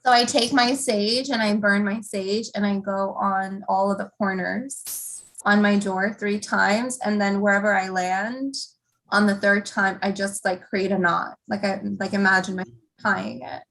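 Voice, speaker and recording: A woman's voice: mid-range voice, level tone, measured pace, a bit bright, low-quality recording. A woman in her thirties hosting a casual live stream chat, talking with many fillers. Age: 30s.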